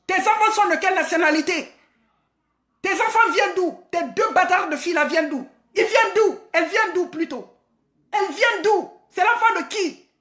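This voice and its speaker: High-pitched woman hurling mocking insults. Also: moderate pace, reverberant. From Senegal. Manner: vulgar, mocking, repetitive insults with frequent shouting. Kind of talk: insulting live-stream rant.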